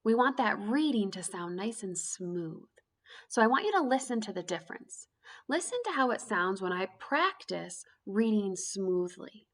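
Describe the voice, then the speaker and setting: A woman teacher giving a reading lesson to young children, speaking slowly and clearly in an encouraging way. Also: medium pitch, big pitch swings.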